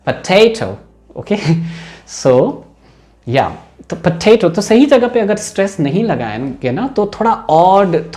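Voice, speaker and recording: Slow-paced man teaching pronunciation. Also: on the high side, darkish tone. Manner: explains slowly, repeats example words with exaggerated stress. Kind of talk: Hindi-English mixed lesson.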